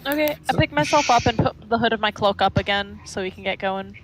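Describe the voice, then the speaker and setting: A woman playing a tabletop game from her room over a voice call, blunt and quick to swear. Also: mid-range voice, background noise. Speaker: player. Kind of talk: casual tabletop game chat.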